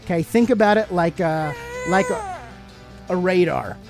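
A middle-aged American man hosts a podcast, delivering a motivational talk straight to listeners with emphatic, sermonizing rhetorical questions. His voice is high, with huge pitch swings and a slightly slow pace, and music plays in the background.

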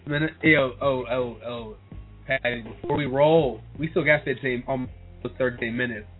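A man's voice: medium pitch, steady tone, normal speed. A man with an American accent in casual, slangy chat as a podcast co-host talking games. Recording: tinny phone-like voice call, music behind.

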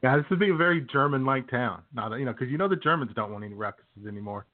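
This co-host's mid-range voice is animated and fast as he jokes around on a comedy podcast, though his manner stays laid-back and drawling. The recording has a narrow, telephone-style quality.

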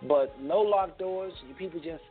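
A man's voice: high-pitched, moderate pace, soft background music. A man hosting a phone interview in a folksy, chatty way, often cutting in on his guests. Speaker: host. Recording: tinny phone line.

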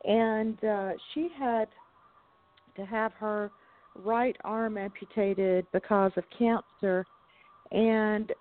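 A woman is heard over the phone as a guest musician. She chats casually and thoughtfully, pausing with ums and restarting her sentences. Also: mid-range voice. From Southern United States. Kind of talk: casual interview chat. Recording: tinny phone line.

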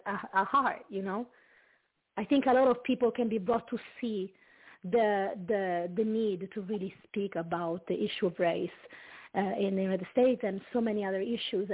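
A woman's voice: mid-range voice, slightly rough. Italian woman on a tinny call line. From Italy. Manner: halting, many fillers and restarts, light laughs. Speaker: guest singer-songwriter. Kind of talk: casual interview chat. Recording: tinny phone-like call audio.

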